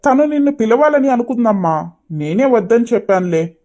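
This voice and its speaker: A man voicing an easygoing young husband and son in a cartoon story, gently teasing. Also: extremely high pitch, lively intonation, brisk.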